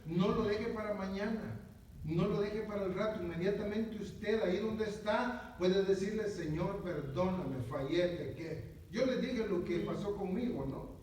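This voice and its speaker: A man preaches a chatty sermon in a fairly high voice, repeating himself and asking the room for agreement. He is picked up from well back in a very reverberant hall, with a faint hiss underneath. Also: normal speed, a little mellow. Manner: conversational, repeats words, often asks "¿verdad?". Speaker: pastor. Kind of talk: conversational sermon. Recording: very echoey, distant, faint noise.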